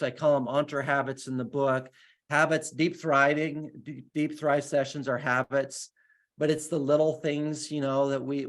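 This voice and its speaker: Earnest man giving a motivational talk. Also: medium pitch. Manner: earnest, enthusiastic, many restarts. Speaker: guest speaker.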